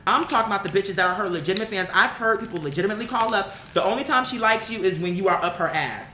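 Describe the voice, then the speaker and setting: A blunt American vlogger races through opinionated, casual commentary to her viewers in a bright, forceful voice. She's emphatic and slangy, tossing out rhetorical questions and acting out quotes, and the echoey room adds a faint rumbling noise.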